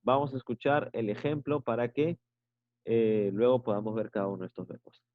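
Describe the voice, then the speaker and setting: A man's voice: medium pitch, fairly quick, no echo. A male teacher giving an online English grammar lesson, explaining patiently and checking in with short tag questions. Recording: tinny phone-like sound.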